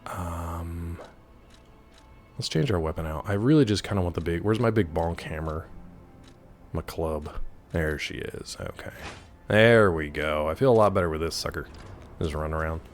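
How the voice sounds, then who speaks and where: A man's voice: low voice, normal speed, long pauses, faint music behind. A man giving casual, rambling gameplay commentary, joking playfully as he chats with his viewers. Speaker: game streamer.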